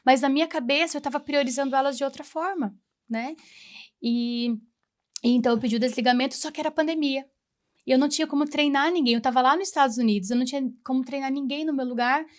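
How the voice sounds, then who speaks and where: A woman's voice: high-pitched, fast talker. A woman in her forties, a guest on a talk show, sharing a personal testimony in an earnest, reflective way and acting out remembered conversations. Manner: acts out remembered dialogue. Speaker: interview guest, women's mentor.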